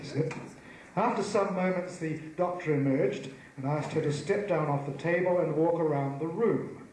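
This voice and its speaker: A man's voice: on the high side, a little mellow, slight background noise. Dry New man reading joke news. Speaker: comic performer. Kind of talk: deadpan mock news reading. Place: theatre stage. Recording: echoey stage recording in a hall.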